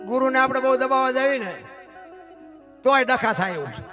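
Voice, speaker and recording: A man performs dayro storytelling on stage, his voice pitched very high. He chats with the crowd in a folksy way, then drives through alliterative verse lists in a steady rhythm. Folk instruments play clearly underneath him. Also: brisk. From Gujarat, India. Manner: folksy, chatty asides to the audience. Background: folk instrumental music.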